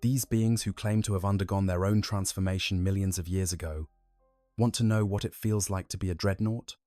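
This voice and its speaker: A man giving measured, scripted story narration. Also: deep voice, fairly even intonation, warm tone, dry recording. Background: faint music.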